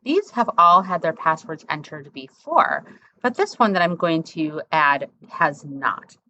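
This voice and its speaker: A woman instructor talking through a software tutorial step by step, in a conversational, explanatory way. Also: sits low, animated, unhurried, highs cut off, slight background noise.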